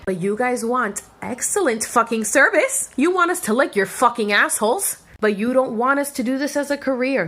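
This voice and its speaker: In an angry rant vlog, a thirty-something former restaurant server from Florida, now a content creator, fumes about her longtime work with sarcasm and profanity. Her voice is a little high and a bit bright. There's a slight hiss or hum in the audio.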